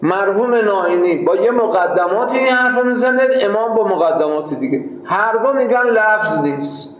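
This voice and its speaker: A man's voice: high-pitched, lively intonation, echoey room, muffled recording. A man teaching students in an informal lecture, arguing his point and firing rhetorical questions at the listeners. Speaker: seminary teacher.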